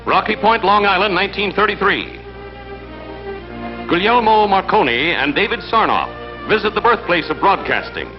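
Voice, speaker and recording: High-voiced old newsreel announcer, man. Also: lively intonation, normal speed. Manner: emphatic announcing. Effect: old newsreel soundtrack. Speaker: newsreel narrator. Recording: dull lo-fi film sound with loud music.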